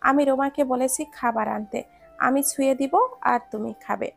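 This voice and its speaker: A woman's voice: sits high, moderate pace, gravelly, soft background music. A woman reading a story aloud and voicing a stern old grandmother who scolds her grandson. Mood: scolding. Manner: scolding, sharp.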